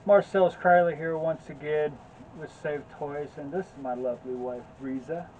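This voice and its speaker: A relaxed man with a slightly raised voice jokes and rambles about his year. The sound is thin and phone-like, with a faint hiss behind him. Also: fairly high pitch, normal speed. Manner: laid-back, joking, rambling. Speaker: co-host. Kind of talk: casual chat.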